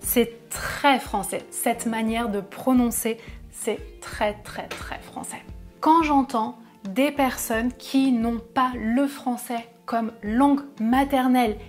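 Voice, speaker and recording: French woman teacher, fairly high voice, slow and careful explanations over light music. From France. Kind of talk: pronunciation lesson.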